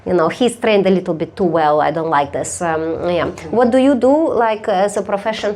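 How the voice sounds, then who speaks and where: Eine Komikerin, die auf einer Live-Bühne stumpf und neckend mit dem Publikum spricht und oft lacht. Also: female voice, on the low side, expressive, normal speed, darkish tone. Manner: blunt, teasing, laughs often. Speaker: stand-up comedian. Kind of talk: stand-up crowd work. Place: live comedy stage.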